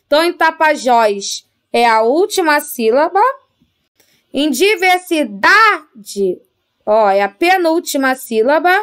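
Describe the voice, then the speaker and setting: A Brazilian woman teaching young children, her voice sitting high. She speaks patiently, drawing out example words slowly and often checking that the class is following along. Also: animated. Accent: Brazilian Portuguese. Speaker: primary school teacher. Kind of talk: recorded remote class lesson.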